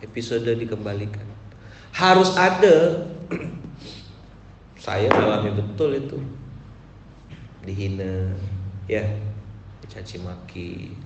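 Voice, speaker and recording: Animated preacher man in an echoey room. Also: lowish voice, takes it slowly, creaky, long pauses, slight background noise. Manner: lively, swings from soft asides to loud chanted Quran verses. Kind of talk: sermon. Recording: echoey room with faint ambience.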